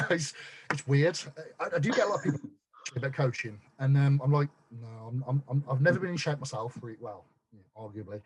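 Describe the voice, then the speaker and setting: A man telling his story as a guest on a podcast, blunt and quick to swear, tripping over restarts. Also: medium pitch, animated, husky. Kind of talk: casual chat.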